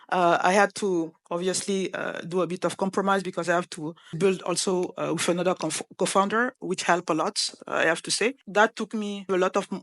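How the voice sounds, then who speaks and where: A woman's voice: medium pitch, a bit bright. A woman from Cameroon, a startup founder speaking earnestly on a panel with frequent hesitations. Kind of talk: panel discussion.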